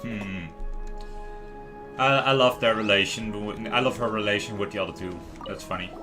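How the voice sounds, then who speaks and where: A man livestreams a video game with casual commentary, often talking to himself and muttering reactions as he plays. His voice is on the low side, steady and moderately paced, with faint music in the background.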